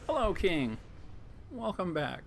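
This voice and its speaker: A man commenting on his live gameplay in a low-key way, thinking aloud and greeting chat, with a voice that is going hoarse. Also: very animated, slow, a little hiss or hum. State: losing his voice. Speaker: game streamer.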